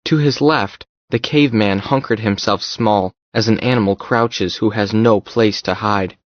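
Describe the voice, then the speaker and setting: Man, audiobook narrator, first-person, low voice, muffled lo-fi sound. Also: a little slow, no room sound.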